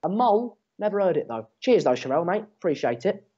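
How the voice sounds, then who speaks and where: On a dull, lo-fi stream mic, a 17-year-old from England who grew up speaking Dutch gives casual live match commentary and banters sarcastically with his audience, full of slang and swearing. He talks fast in a high, sing-song voice that is warm and slightly rough.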